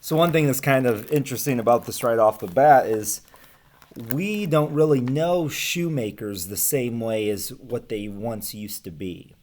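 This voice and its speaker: With a medium-pitched, slightly mellow voice, an American man in his thirties reads aloud to students in a casual lesson to camera, using plain, simple words and pausing as he explains. He sits in a small home room with bookshelves, recorded on a webcam or laptop microphone at desk distance.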